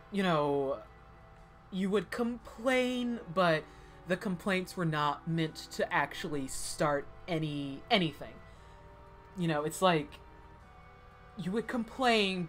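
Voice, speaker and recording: Woman, lowish voice, casual gameplay chat, rambling, lots of "like", faint music underneath. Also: fairly bright tone. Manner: rambling, fillers of "like", heated but cheerful. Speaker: gameplay commentator.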